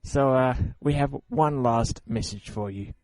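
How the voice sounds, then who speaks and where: A man's voice: mid-range voice, unhurried, loud music behind the voice. A man hosting an online radio show, signing off in a playful, rambling, joking way. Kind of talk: casual show sign-off chat.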